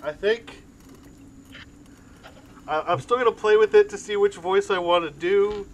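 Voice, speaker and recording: A man's voice: sits high, a little slow, a little hiss or hum. A man running a tabletop game as game master, narrating casually and thinking aloud.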